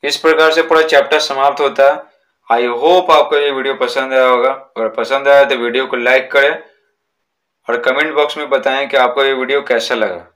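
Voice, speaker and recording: A man's voice: medium pitch, steady tone, a bit bright. A young man with a mid-range voice explains a school lesson step by step. He talks patiently and keeps asking his listeners whether they are following along. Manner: reads English lines slowly, then explains; repeats points with "ठीक है ना". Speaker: English teacher.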